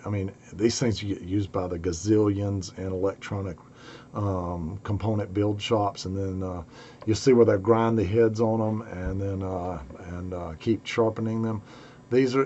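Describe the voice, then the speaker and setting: A middle-aged man, hoarse and raspy with a cold, giving a casual, folksy instructional talk to camera from a home basement workshop. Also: fairly low pitch, muffled recording. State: congested and hoarse from a two-week cold and sore throat. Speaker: host of an electronics build tutorial. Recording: clearly noisy home workshop recording.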